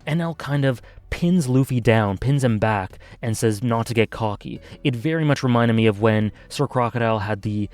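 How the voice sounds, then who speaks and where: A man's voice: medium pitch, moderate pace, hardly any pauses, a little mellow, soft background music. A man casually reviewing an anime arc, thinking aloud with many fillers and self-corrections.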